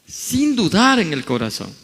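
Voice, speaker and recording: Animated bright-voiced male pastor preaching. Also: measured pace, husky, long reverb tail. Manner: preaching with big swings of pitch, dramatizing scripture quotes. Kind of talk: sermon. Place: church hall.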